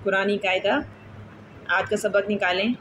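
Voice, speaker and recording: A woman's voice: mid-range voice, little pitch movement, a little slow, fairly bright tone, a little hiss or hum, rough recording. A woman teaching a Quran recitation class, patiently asking questions and repeating points to check understanding. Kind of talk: classroom lesson.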